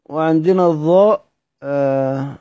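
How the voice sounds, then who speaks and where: Egyptian male teacher, higher-pitched and mellow, patient question-and-answer lesson, dry and dull lo-fi sound. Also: measured pace, dry recording. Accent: Egyptian Arabic. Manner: repeats questions to listeners and answers them himself. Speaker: teacher of Quranic readings. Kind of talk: explanatory lesson.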